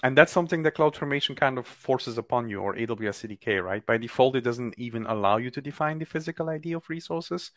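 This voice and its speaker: Man, mid-pitched, opinionated and emphatic, casual tech chat, dry close recording. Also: fairly bright tone, dry recording. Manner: emphatic, opinionated, quick to argue. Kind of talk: casual technical discussion.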